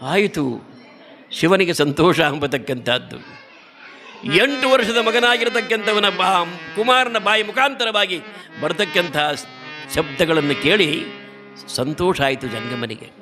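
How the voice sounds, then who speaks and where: A man's voice: sits high, lively intonation, a little slow, long pauses. A man giving a devotional storytelling discourse in a rhythmic, dramatic narration. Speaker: religious storyteller. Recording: accordion music behind the voice.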